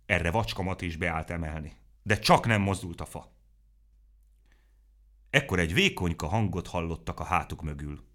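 A man reading a children's story aloud in a playful, animated way. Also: sits low, pauses often.

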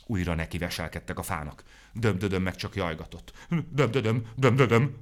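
A man reading a children's story aloud in a playful, animated way. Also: deep voice.

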